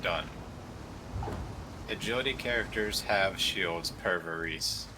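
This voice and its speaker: A man's voice: low voice, slow pace, noisy background. A man chatting casually and teasing his friends while playing a video game on a live stream. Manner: joking, teasing. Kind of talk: casual gaming chat.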